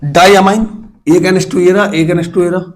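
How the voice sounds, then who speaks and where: A man's voice: high voice, fairly even intonation, normal speed, rough recording. Man teaching chemistry. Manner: asks students questions, counts aloud while drawing. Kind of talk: classroom lecture.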